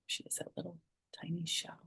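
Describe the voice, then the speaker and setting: An older woman, a children's author and former schoolteacher, reads aloud at a children's storytime in an expressive, sing-song way, with chatty asides. She speaks a little fast and in a whisper, and her asides are soft and gentle.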